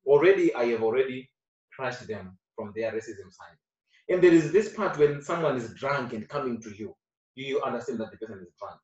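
Speaking briskly, an earnest Zimbabwean actor, Shona by first language, answers questions in a laid-back interview. Repeated phrases and animated jumps in pitch and loudness mark his talk, heard through a dull, roomy recording made from afar.

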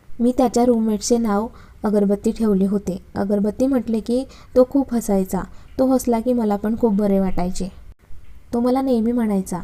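A woman calmly reading a first-person love story aloud, with a Marathi accent. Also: medium pitch. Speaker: narrator.

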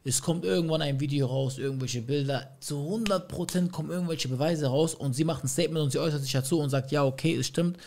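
A man's voice: fairly high pitch, fast talker, creaky, few pauses, a little mellow. A man reacting to a clip, musing aloud in casual slang and putting questions to his viewers. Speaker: reaction streamer.

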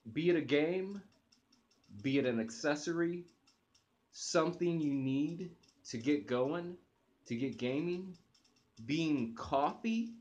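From his living room sofa, a young man with a high-leaning voice enthusiastically reviews coffee to camera for his channel, using fillers and hesitant restarts. A webcam captures him at close range, and the sound is lo-fi.

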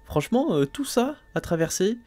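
A man casually commenting on his gameplay as a let's play host, thinking aloud, full of fillers and excited exclamations over each new find. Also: high-pitched, normal speed. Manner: chatty, thinks aloud, frequent "hein" and "euh" fillers.

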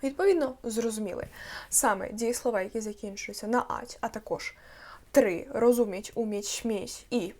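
Female language teacher, slightly high voice, patient step-by-step explainer. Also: darkish tone. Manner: explains patiently, sounds out words slowly with stress. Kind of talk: online language lesson.

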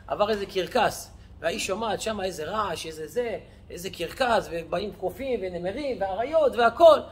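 High-voiced rabbi telling lively stories. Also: male voice. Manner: lively storyteller acting out characters' voices. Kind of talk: storytelling lesson.

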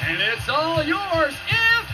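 A man working as a game show announcer, reading out prizes in a booming, hyped delivery. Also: big pitch swings, slow, poor audio. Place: TV game show studio stage. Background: loud show music.

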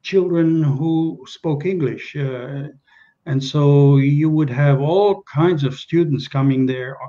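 An older man from Kenya, Czech being his first language, is interviewed over a video call from a small room in his home via webcam. He takes it slowly, his fairly high, warm voice breaking into frequent hesitations and restarts, and the sound is lo-fi.

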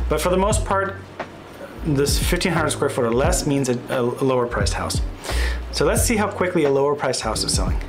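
Chatty man with music behind. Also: medium pitch. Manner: chatty, thinking aloud with fillers and self-corrections. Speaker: real estate agent. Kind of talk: casual screen-share market update.

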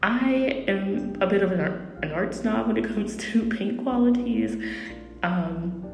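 A woman's voice: mid-range voice, a little slow, vocal fry, darkish tone. A woman giving a casual, chatty review voice-over in an effusive, self-interrupting way, recorded in an echoing bathroom. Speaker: video host and painter. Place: small echoing bathroom, indoors. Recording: echoing bathroom, music behind. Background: background music.

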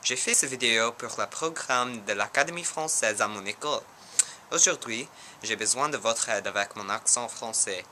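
A teenage American boy, a native English speaker, reading aloud in learner's French with a clear American accent, halting and correcting himself on harder words. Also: mid-range voice, pushed and bright, a little hiss or hum. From United States. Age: teens. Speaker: language student.

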